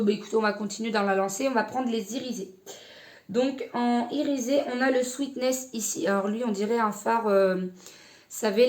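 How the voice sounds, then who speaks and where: A woman beauty vlogger casually reviewing an eyeshadow palette, talking in a hesitant, chatty way with many pauses and restarts. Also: mid-range voice, a little mellow.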